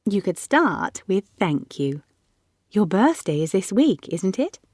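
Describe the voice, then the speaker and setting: A woman voicing a lively, eager young girl from the gentry who chatters and coaxes. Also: mid-range voice, takes it slowly, no room sound, studio quality. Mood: chattering. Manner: excited, chattering, coaxing.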